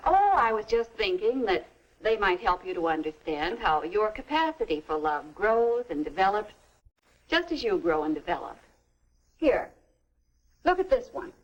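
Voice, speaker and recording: A wise, middle-aged American mother in a 1950s educational film. Her voice swings melodically as she patiently explains, with measured, stagy diction and a gentle temper. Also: medium pitch, big pitch swings, lo-fi sound. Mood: gently instructive.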